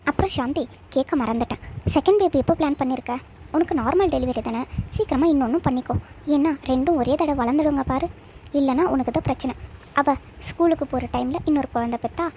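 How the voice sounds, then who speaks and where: A woman's voice: high-pitched, fast talker, dark tone, a little hiss or hum. A woman voicing a nosy, meddling older woman in a cartoon who lectures and keeps asking if she is understood. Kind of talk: cartoon voice acting.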